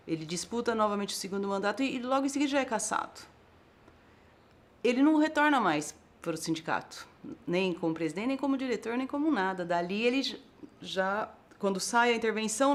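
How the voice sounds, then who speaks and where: A woman in an interview, calmly recounting a colleague's career. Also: medium pitch. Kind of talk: reflective interview.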